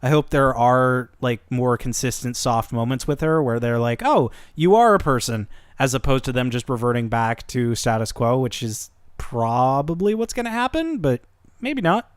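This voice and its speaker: A man's voice: medium pitch, moderate pace, clear, resonant tone, no room sound, studio quality. A man co-hosting a casual anime discussion podcast, enthusiastic and swearing freely. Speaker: podcast co-host.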